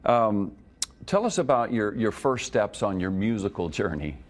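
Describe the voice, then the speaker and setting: A man's voice: lowish voice, expressive, moderate pace. A man hosting a music interview podcast, friendly and chatty, with frequent hesitations as he asks questions. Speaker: podcast host.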